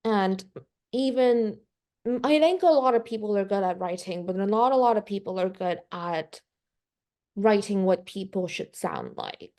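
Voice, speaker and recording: Guesting on a relaxed podcast, a young concept artist from Korea muses aloud, her English British-accented with a faint Californian edge, full of hedging, frequent "like"s and restarts. She sounds animated, with a medium-pitched, darkish voice at a measured pace.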